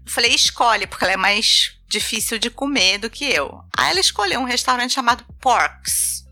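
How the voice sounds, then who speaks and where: Brazilian woman guest, bright and lively storyteller, does the voices, light music underneath. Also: a little high, moderate pace. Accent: Brazilian Portuguese. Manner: animated, acts out voices and laughs while telling stories. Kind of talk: casual storytelling chat.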